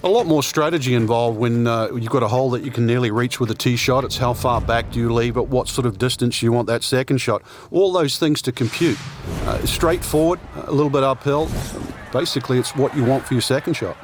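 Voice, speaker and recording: A man's voice: medium pitch, brisk, a little hiss or hum, natural voice. A man voicing a video game golf commentator, explaining play in a casual, conversational analyst's manner. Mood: analytical, wry.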